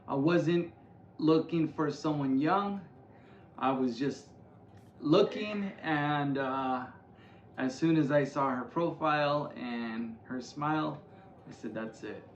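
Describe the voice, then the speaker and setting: A man in his forties from the United States chatting casually with his wife, relaxed and thoughtful, with filler pauses. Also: fairly high pitch, reverberant, lo-fi sound, slight background noise. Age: 40s. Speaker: co-host. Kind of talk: casual chat.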